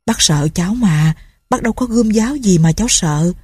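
A woman's voice: medium pitch, lively intonation, fairly quick, dark tone, slightly rough, dry recording, clean studio sound. A woman voicing a fearful, bitter old peasant man who laments his fate.

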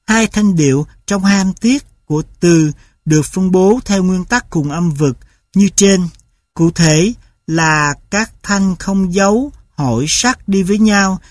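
A man reads a textbook aloud at an even, measured pace, with a voice a touch higher than most men's. He taps out examples in short, clipped rhythmic beats. The recording is close and dry, with no room sound. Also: no room sound. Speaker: narrator reading a linguistics textbook. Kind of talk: audiobook-style textbook reading.

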